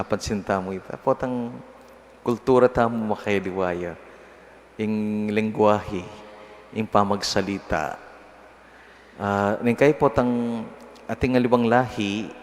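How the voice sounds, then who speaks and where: A middle-aged male priest from the Philippines giving a homily at Mass in a conversational, teasing way, chuckling at his own examples. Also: fairly low pitch. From Pampanga, Philippines. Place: large church. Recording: long church reverb, faint noise.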